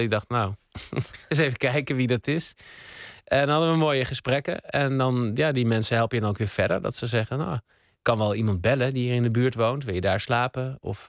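A man, a guest on a radio interview, telling a rambling story in a relaxed, meandering way with many fillers, at a studio microphone. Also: mid-range voice, dry recording. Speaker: guest, spoken word artist.

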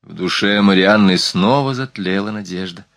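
A man narrating an audiobook in a measured, even storytelling manner. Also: sits low. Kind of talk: scripted narration.

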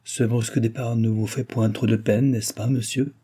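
A man reading a novel aloud, voicing a young royal princess who is brisk, gracious and commanding. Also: medium pitch, level tone, breathy edge, lightly acted. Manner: brisk, imperious, graciously warm. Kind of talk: audiobook character reading.

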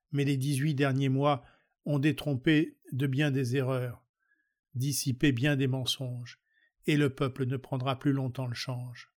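A man reading a historical speech aloud in a measured, declamatory way. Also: medium pitch. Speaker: reader.

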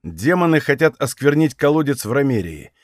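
A man's voice: mid-range voice, big pitch swings, a little fast, no echo, voice pushed up, close to an everyday voice. A man voicing a brash, combative young male mage who swears bluntly. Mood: tense.

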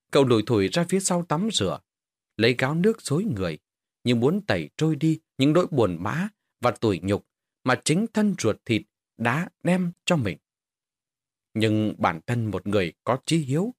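Expressive male storyteller. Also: mid-range voice, normal speed, no echo, studio quality. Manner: expressive, rises sharply in tense moments. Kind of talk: dramatic ghost story narration.

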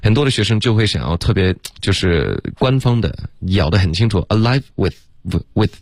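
A man with a very low voice leads a radio English lesson, explaining points in Mandarin. He slows right down to model each English phrase syllable by syllable. The sound is close and dry. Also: lively intonation, dry recording. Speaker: English pronunciation teacher.

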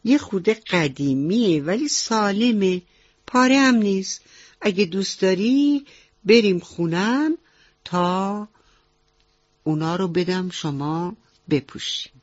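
A woman's voice: mid-range voice, expressive, pauses often, dry recording, voice pushed up, lightly acted. A woman voicing a kindly, motherly female frog who reassures a friend, in a radio bedtime story. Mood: reassuring. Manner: warm, reassuring. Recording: dull lo-fi radio recording.

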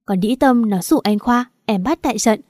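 A woman's voice: a little high, normal speed, no room sound, clean studio sound, lightly acted. A woman reading the part of a jealous, brutal wife who hurls insults, in an audiobook. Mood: furious. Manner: harsh, shouting insults.

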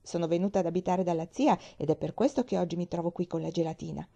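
A woman's voice: lowish voice, fast, vocal fry, mellow. A woman voicing a cheerful, chatty little girl in a storybook reading, eager and bubbly.

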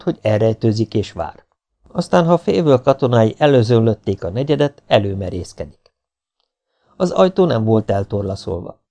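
A man reading an audiobook aloud in a steady, even storytelling manner. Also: medium pitch. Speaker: audiobook narrator. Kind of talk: amateur audiobook narration.

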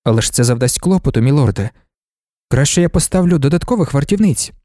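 A man's voice: medium pitch, animated, quick pace, dark tone, no room sound, studio quality, lightly acted. A man voicing a loyal, worried male guard commander in an audiobook, asking earnest and respectful questions. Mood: concerned. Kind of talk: audiobook character voice.

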